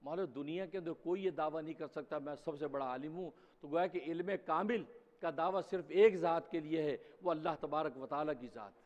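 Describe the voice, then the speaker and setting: A man's voice: fairly high pitch, darkish tone. A man preaching a Friday sermon in a mosque, speaking emphatically and posing rhetorical questions. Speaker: preacher, mufti. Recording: dull sound with long hall reverb.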